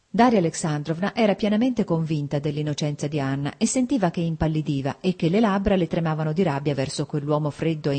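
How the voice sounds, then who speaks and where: Woman reading a novel aloud, lowish husky voice, calm and even. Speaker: audiobook narrator. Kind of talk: literary audiobook narration.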